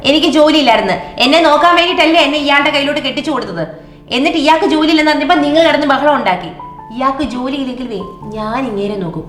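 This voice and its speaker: A woman's voice: sits high, a bit bright. A woman with a Malayali accent playing a defiant young wife who lectures her parents in a comedy sketch. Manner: indignant, lecturing. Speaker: daughter defending her husband. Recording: roomy echo.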